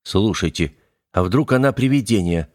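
A man's voice: fairly low pitch, lively intonation, normal speed, darkish tone, lightly acted. A man reading a storybook, voicing a young worker who sneers and frets in a raised, nervous voice. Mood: spooked. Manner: snide, nervous chatter. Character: young male worker, jittery and mocking.

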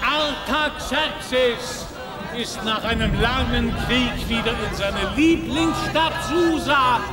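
An actor playing a proud royal herald in a radio play, declaiming a public proclamation to the crowds like a dictator's speech. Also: male voice, very high-pitched, slow pace. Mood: grand, proclaiming. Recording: echoing open space, loud music and crowd.

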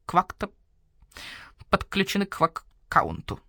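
A woman voicing a drowsy frog messenger who mumbles and croaks into her words, in a dry recording. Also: medium pitch, sing-song, takes it slowly, pushed and bright, no room sound, exaggerated voice. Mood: sleepy.

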